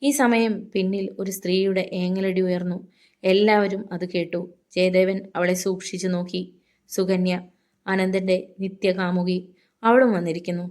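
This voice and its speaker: A woman reading a thriller novel aloud in measured, dramatic storytelling. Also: medium pitch, fairly even intonation, a little mellow. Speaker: audiobook narrator. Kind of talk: scripted audiobook narration.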